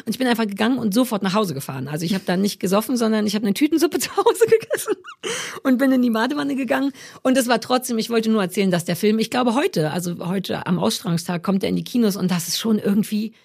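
A woman's voice: a little high, animated, fast, creaky, a little mellow, breathy edge. A middle-aged woman co-hosting a podcast, telling a rambling, self-mocking story in casual chat. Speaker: podcast co-host.

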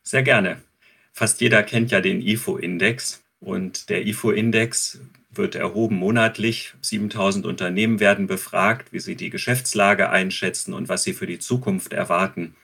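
Research expert, male, very low pitch, husky, methodical. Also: steady tone, normal speed, bright, forceful tone. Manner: explanatory, methodical. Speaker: research head and interview guest. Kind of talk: expert explanation in an interview.

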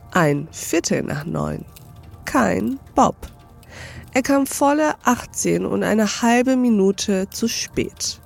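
Fields: Slow, gravelly woman reading a story. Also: on the high side. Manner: calm, measured storytelling. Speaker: narrator. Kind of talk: reading a novel aloud.

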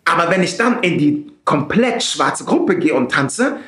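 Animated man telling a story. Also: fairly high pitch, measured pace. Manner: animated storyteller with frequent fillers and tag questions. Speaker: podcast guest, actor. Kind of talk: casual storytelling conversation.

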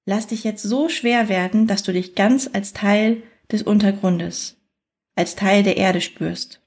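A woman narrating a scripted guided fantasy journey in a soothing, unhurried manner, leaving long pauses between phrases. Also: medium pitch, steady tone, darkish tone.

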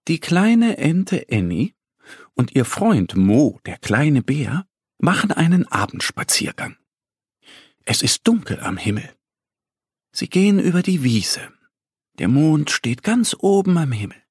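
A male narrator reads a children's story slowly, with a gentle manner. His pitch moves in wide, lively swings. A slightly husky tone comes through a dry, close studio mic. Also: no echo.

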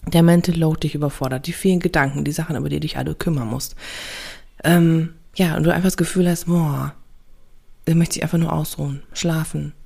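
Gravelly-voiced woman coaching mothers. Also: low voice, steady tone, a little fast, mellow. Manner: conversational, reassuring, fillers like ja and ne. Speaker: parenting coach and podcast host. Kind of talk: casual coaching talk.

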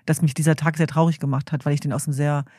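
Middle-aged woman, interview guest; earnest storyteller, warm dark timbre. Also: deep voice, level tone, racing, no echo, studio quality. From Germany. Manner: earnest, storytelling, acts out quoted family voices. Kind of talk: reflective interview talk.

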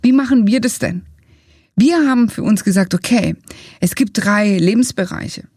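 A woman's voice: mid-range voice, normal speed, a little mellow, breathy edge, no echo, clean studio sound. A woman coach explaining to viewers, asking rhetorical questions and laying out her points step by step. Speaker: coach and trainer.

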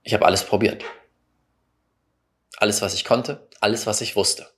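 A man's voice: lowish voice, steady tone, moderate pace. Earnest man telling a personal story. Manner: earnest, confessional, swings between quiet and emphatic. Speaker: podcast host and coach.

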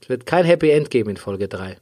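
A man hosting a casual podcast recap, joking and rambling with drawn-out hesitations. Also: medium pitch, expressive, mellow. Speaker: podcast host. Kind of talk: casual chat recapping a TV series.

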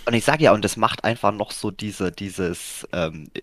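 A man co-hosting a casual podcast discussion, rambling with many fillers and restarts and sudden jumps in pitch. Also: moderate pace, a bit bright. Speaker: podcast co-host.

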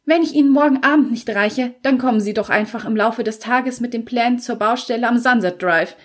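A tired, sarcastic young tradeswoman, as a woman reading aloud puts her on snaps back in a raised, higher voice. She sounds fed up and quick-tongued, as in a storybook reading. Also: lightly acted. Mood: snippy.

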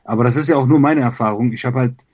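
A man from Iran, a rapper being interviewed, talking reflectively with many pauses, fillers and repeated words. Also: mid-range voice, a little mellow. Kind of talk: conversational interview.

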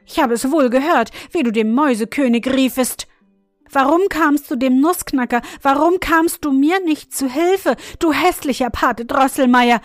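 A woman's voice: sits high, moderate pace, dry recording, faint music behind, voice pushed up, close to an everyday voice. A woman voicing a wounded little girl in bed who reproaches her godfather, in a storybook reading. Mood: reproachful. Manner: pleading, accusing.

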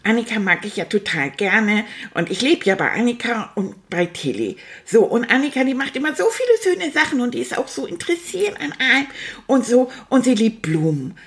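A woman voicing an excitable male plush toy rat who rambles breathlessly through his story. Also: a little high, normal speed. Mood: excited. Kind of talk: puppet storytelling for children.

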